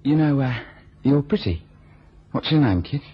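Oily union boss, husky, lively pitch, lo-fi old radio. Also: male voice, moderate pace. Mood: leering. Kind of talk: vintage radio drama. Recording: dull lo-fi old radio recording.

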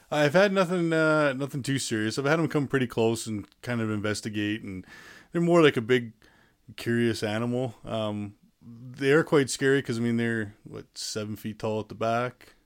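Canadian man, halting mid-pitched voice. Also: clear, resonant tone. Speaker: interview guest. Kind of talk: casual personal storytelling.

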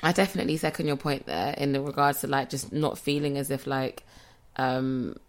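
A woman's voice: extremely low pitch, brisk. A woman hosting a casual podcast chat in a candid, conversational way, often circling with "like". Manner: candid, conversational, hesitant phrasing with many likes. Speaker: podcast host.

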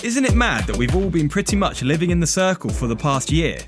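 A man's voice: on the high side, big pitch swings, fairly quick, over loud music. A man hosting a podcast in a casual, chatty style. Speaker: podcast host.

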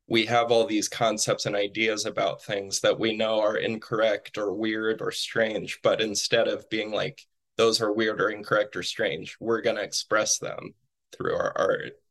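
A man's voice: on the low side, flat delivery, a little slow, fairly bright tone. A man chatting as a podcast guest over a remote call, rambling with lots of fillers and frequent laughs. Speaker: podcast guest, comedian and filmmaker. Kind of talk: casual interview chat. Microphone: remote call recording.

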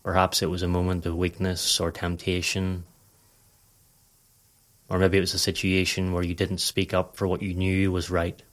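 This guided meditation is narrated by a man whose voice sits low. He follows a script, staying calm and unhurried, and gives his directions with even-handed composure.

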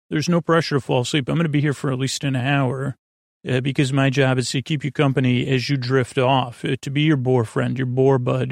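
On his bedtime podcast, this host has a mid-range, darkish voice with vocal fry, captured in a dry, studio-quality recording. He wanders amiably from thought to thought, frequently trailing off and restarting.

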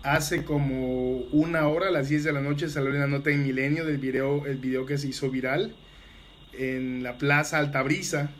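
A man's voice: medium pitch, steady tone, moderate pace. A man making an earnest, urgent public statement in an online video.

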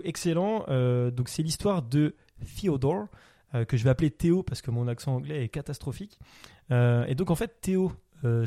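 A man's voice: mid-range voice, dark tone. A man co-hosting a casual podcast, talking about films with enthusiasm and lots of hesitant fillers. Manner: enthusiastic, hesitant with many fillers, laughs often. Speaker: podcast co-host. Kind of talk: casual film chat.

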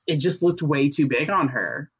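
An American podcast co-host talking in a lively, gossipy way, swinging between mid-pitched chatter and laughing outbursts. The sound is slightly dull and lo-fi, like an older home recording setup. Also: normal speed. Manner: animated, gossipy, breaks into laughter. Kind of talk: casual chat.

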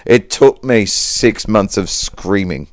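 A man's voice: fairly low pitch, lively intonation, slow pace, no room sound, studio quality. A man in his forties, a podcast guest, chatting in a sarcastic, mock-exasperated way and swearing a lot. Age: 40s. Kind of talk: casual podcast chat.

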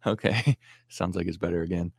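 A man's voice: deep voice, steady tone, brisk, darkish tone, husky, no echo, clean studio sound. A man hosting a casual live stream Q&A, reading viewer comments aloud and answering with blunt, practical advice, full of fillers and restarts.

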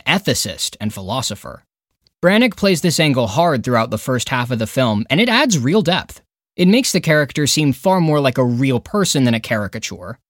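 A medium-pitched man reads a scripted review countdown as a podcast narrator and critic, phrasing things emphatically, dramatically, and with strong opinions. The studio sound is clean, with no room sound.

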